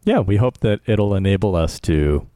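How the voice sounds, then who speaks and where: A man's voice: sits low, expressive, normal speed, warm tone, no room sound. A man co-hosting a podcast in casual chat, easygoing and wry. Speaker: podcast co-host.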